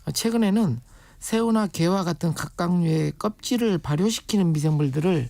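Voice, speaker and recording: A man's voice: sits high, moderate pace, vocal fry, darkish tone. A man on a radio show, a guest expert on urban farming, explaining patiently with everyday comparisons. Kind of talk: radio interview.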